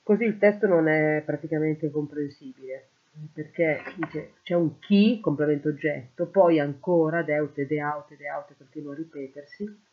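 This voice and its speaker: A man teaching a lesson, slowly translating Greek verse word by word into Italian. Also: on the high side. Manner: slow, deliberate, translating word by word. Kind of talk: lecture on Greek poetry. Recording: phone-like lo-fi audio.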